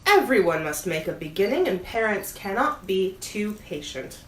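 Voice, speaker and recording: A woman's voice: mid-range voice, big pitch swings, moderate pace, recorded from a distance, lightly acted. A prim storybook mother duck, read by a woman, gives patient, proper instruction. The room echoes and there is faint noise. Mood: firm. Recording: roomy echo, audible background noise.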